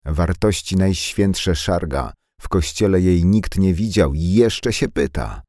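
A man voicing a spiteful, loud village shopkeeper woman in an audiobook, with a shrill, scolding, drawn-out delivery. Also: no echo, clean studio sound. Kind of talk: audiobook character voice.

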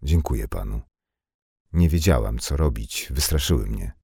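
A frightened young woman thanks her rescuer softly and politely, as a man acts her out. The voice stays near the reader's own deep register, quiet and subdued, with a close, dry sound. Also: lively intonation, normal speed, gravelly, husky, dry recording, heavily acted. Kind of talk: audiobook character voice.

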